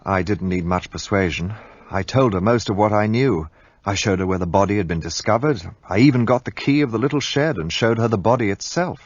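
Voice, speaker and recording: A man narrating in the first person in a radio play, calm and reflective. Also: on the low side, a little fast, breathy edge, no room sound, muffled recording.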